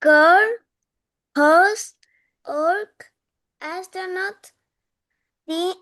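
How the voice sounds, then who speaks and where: Woman student, video call, very slow word-by-word reading, high voice, dry sound. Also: a bit bright, no room sound. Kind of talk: reading a word list aloud.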